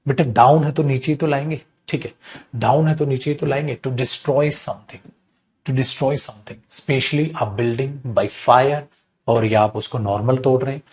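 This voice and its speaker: Slow-spoken teacher man. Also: mid-range voice, steady tone. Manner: mixes Hindi and English, addresses students as "beta"; repeats each phrase slowly, then explains it quickly. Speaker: English teacher. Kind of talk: classroom lecture.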